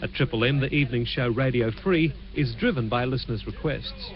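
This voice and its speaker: Male reporter on a low quality stream. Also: crowd noise. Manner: measured, clear scripted delivery. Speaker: entertainment news reporter. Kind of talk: TV news report narration with chat to the anchor. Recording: dull lo-fi copy of a low quality stream of a TV broadcast.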